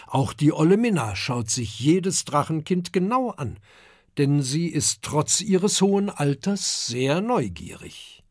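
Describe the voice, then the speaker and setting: A middle-aged man narrating a children's storybook with calm, expressive delivery. His voice is husky and lively in pitch, and he takes his time. The sound is dry and close. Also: slow, no echo. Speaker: audiobook narrator.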